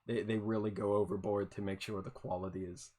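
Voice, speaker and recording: A male podcast host interviews a guest casually on a video call, his voice low-ish, mellow, fairly quick and flat in delivery. He sounds eager nonetheless, stammering and repeating words.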